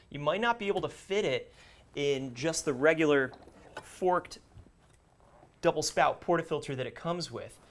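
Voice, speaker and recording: A man's voice: a little high, fairly bright tone. A young man co-hosting a coffee gear show, chatting in an easygoing, agreeable way. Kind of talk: casual product chat.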